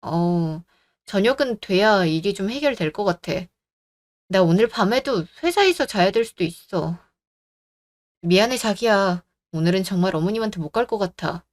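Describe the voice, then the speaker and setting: A woman's voice: mid-range voice, expressive, moderate pace, lightly acted. A woman voicing a young wife in a radio drama who is tired and aggrieved, polite at first and then firm. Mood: apologetic.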